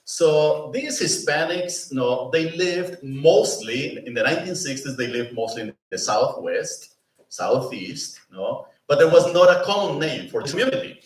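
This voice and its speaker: A man's voice: fairly high pitch, animated, measured pace. Man lecturing in a roomy hall. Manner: chatty, asks the room "no?" and "you know?", laughs often. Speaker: presenter at a pastoral institute. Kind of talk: conversational lecture. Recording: roomy, mic at a distance.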